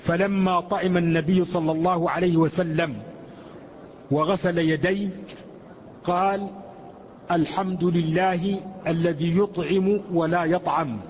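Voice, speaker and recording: A man reading a religious text aloud in a lesson, slowing for quotations. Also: sits high, steady tone. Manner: slow measured recitation of quotations. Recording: muffled lesson recording in a reverberant hall.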